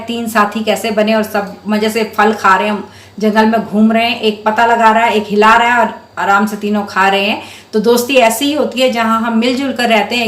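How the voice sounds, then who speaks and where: A woman teaching young children to read, sounding out syllables slowly and clearly in a patient, encouraging way. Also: on the high side, a bit bright, reverberant. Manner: drawn-out syllables for sounding out words. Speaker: primary school Hindi teacher.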